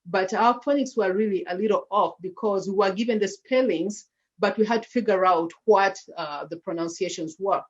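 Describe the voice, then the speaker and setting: Heard through a muffled recording, a nonprofit founder with a Ugandan accent walks through her slides on a video call. Her mid-range voice moves at a normal speed, though she hesitates often, filling gaps and starting over.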